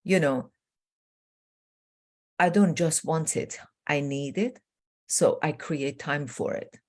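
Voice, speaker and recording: An Iranian woman in her sixties, a transformation coach appearing as a guest, tells personal stories in conversation. Her voice is lower-pitched and slow, and she speaks emphatically and declaratively, repeating key phrases.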